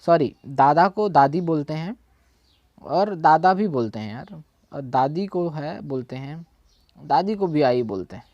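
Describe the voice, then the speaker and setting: A man's voice: on the high side, animated, unhurried, a little mellow, no room sound, lo-fi sound. Guy w chhattisgarhi hindi accent teaching words, keeps saying ok, dry mic. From India. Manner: repeats and checks with "thik hai", corrects own slips. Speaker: language teacher. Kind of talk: casual spoken lesson.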